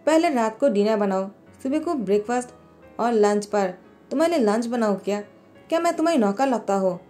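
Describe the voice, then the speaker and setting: A woman's voice: a little high, animated, brisk, warm tone, soft background music, natural voice. Woman playing a grumpy, bossy young husband. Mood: irritated. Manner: irritated, scolding. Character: short-tempered young husband, grumbling and bossy.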